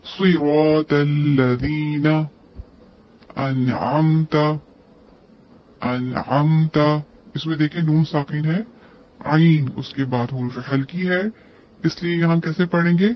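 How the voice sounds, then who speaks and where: A man's voice: a little high, steady tone, slow pace, slight background noise. A man teaching tajweed, breaking words into letters and drawing out the recited syllables between plain explanations. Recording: dull lo-fi recording.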